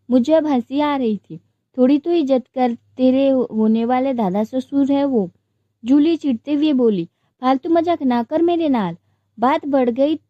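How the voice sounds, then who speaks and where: A woman's voice: sits high, no room sound. A woman reading a romance story aloud, voicing every character in the same plain voice. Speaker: story narrator. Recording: dry, dull lo-fi recording.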